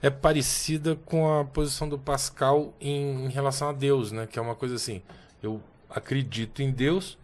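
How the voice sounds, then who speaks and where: A man hosting a podcast, chatting casually with jokey, quick interjections. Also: mid-range voice, steady tone. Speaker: podcast host. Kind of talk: casual conversation.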